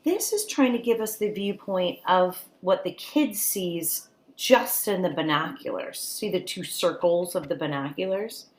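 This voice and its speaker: A female teacher reads a picture book aloud to a group of children, her voice expressive and coaxing and pitched on the low side. She stops now and then to ask her young audience questions.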